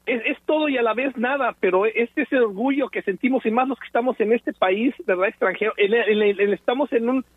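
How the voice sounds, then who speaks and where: A man's voice: very high-pitched, brisk, few pauses, no room sound. A Mexican man calling in to a radio show, speaking passionately and hesitantly with many fillers. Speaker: radio caller. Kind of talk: phone-in call to a radio show. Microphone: telephone. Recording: tinny phone line.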